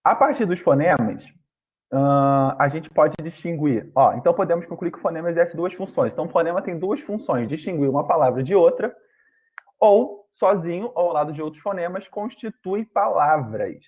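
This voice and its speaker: A man's voice: fairly high pitch, lively intonation, normal speed. Man teaching grammar over lo-fi audio. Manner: explanatory, checks in with students often. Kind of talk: online grammar lesson. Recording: dull lo-fi online class audio.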